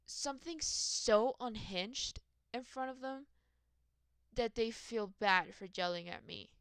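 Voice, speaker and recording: A woman's voice: a little high, slow, a bit bright, clean tone, no echo, clean studio sound. A young adult woman in a rambling, profane, self-mocking casual rant about her work. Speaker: vlogger.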